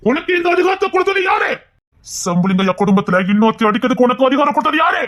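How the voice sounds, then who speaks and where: A performer voicing a stern middle-aged man who heads the household in an audio drama and shouts commands. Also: medium pitch, expressive, rapid-fire, pitched below the performer's own voice, close to an everyday voice. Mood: enraged. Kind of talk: Tamil audio drama acting.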